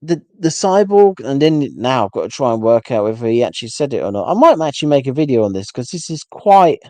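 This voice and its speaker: A man's voice: mid-range voice, mellow, dry recording. A man hosting a casual solo rant, rambling with frequent restarts and exasperated asides. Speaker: solo livestream host.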